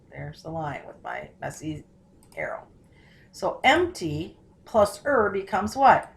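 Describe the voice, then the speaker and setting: A woman teacher giving a recorded phonics tutorial, slowing down to sound out words and spelling patterns, then answering her own questions. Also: fairly low pitch, gravelly. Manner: slows down and stretches words to model spelling and syllables; asks questions and answers them herself.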